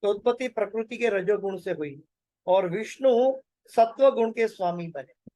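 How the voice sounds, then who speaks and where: A man teaches scripture in a measured lecture, his voice sitting high for a man. He takes his time, pausing on fillers and repeating phrases so they sink in. The sound is dry and close, with little room around it. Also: a little mellow, dry recording, poor audio. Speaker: Bhagavatam lecturer.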